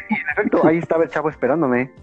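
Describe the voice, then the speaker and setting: Animated, slangy Mexican man telling a story. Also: a little high, brisk, slightly rough, highs cut off, faint music behind. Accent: Mexican Spanish. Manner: animated, slangy and profane, acts out quoted voices. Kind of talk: casual storytelling chat.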